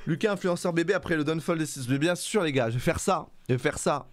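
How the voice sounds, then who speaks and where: A man's voice: on the high side, fast, slight background noise. A man streaming casually, chatting with viewers while playfully cooing at his baby son. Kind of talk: casual live-stream chat.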